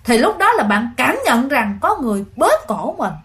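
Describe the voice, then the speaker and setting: A woman's voice: high voice, sing-song, normal speed, fairly bright tone. Chatty woman storyteller. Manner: chatty, addresses listeners directly. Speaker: ghost story narrator. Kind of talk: casual storytelling.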